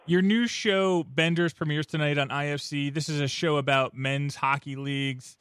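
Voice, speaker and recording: A man's voice: a little high, steady tone, moderate pace, fairly bright tone, smooth, no room sound, studio quality. A man hosting a podcast, telling rambling, joking stories in a casual chat. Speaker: podcast host.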